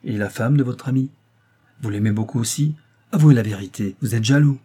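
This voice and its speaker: A man reading aloud voices a proud, defiant young wife, raising his voice higher and speaking with haughty indignation. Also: fairly quick, mellow, slightly rough, close to an everyday voice. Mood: indignant.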